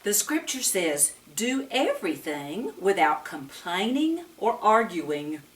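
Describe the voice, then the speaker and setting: In a slow, mid-range voice with big swings in pitch, a woman reads to small children and talks with them, singing her words and putting questions to them. She's a storyteller and Bible teacher, recorded from afar in an echoey room.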